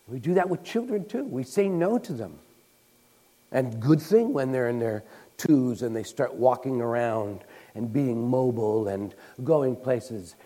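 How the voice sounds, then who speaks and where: A man's voice: medium pitch, mellow, low-quality recording. A man preaches in a loose, conversational way, winding through personal stories. He trips over restarts and fillers, then jumps into the voices of the people he quotes. His voice sits in an ordinary middle range. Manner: storytelling, acting out quoted people. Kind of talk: conversational sermon.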